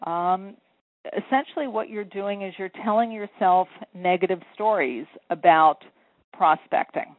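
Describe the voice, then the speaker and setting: A woman sales coach talks earnestly on a tinny phone line, laying out her advice step by step. Her voice is dry and close, with no room sound around it, and her pitch sits in the middle. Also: unhurried, dry recording. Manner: earnest, encouraging, explains step by step. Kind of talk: phone interview. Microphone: telephone.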